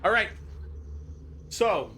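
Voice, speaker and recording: A man's voice: extremely slow, sharp tone, slight background noise. An older man acting as game master for a tabletop game, talking loosely and often checking in with his players. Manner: loose and chatty, keeps checking in with "right?". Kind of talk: running a tabletop game in casual chat.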